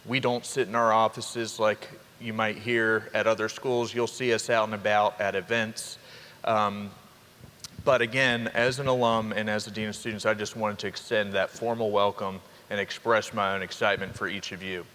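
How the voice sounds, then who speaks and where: Upbeat dean addressing a hall. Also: male voice, lowish voice, flat delivery, bright, forceful tone. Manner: upbeat, addresses the crowd with quick asides. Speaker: dean of students. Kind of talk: orientation welcome speech. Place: large hall. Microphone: handheld microphone. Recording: reverberant hall with faint ambience.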